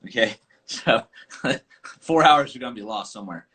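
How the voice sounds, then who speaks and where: A man, a golf coach and podcast host, telling stories in an animated casual chat over a live video call. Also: medium pitch, moderate pace. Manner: animated, chatty storyteller.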